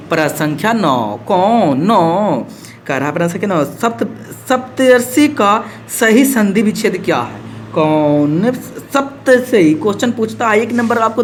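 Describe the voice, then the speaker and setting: A man's voice: high-pitched, a little hiss or hum. A male teacher, running a playful exam-prep lesson who acts out student questions and repeats answers.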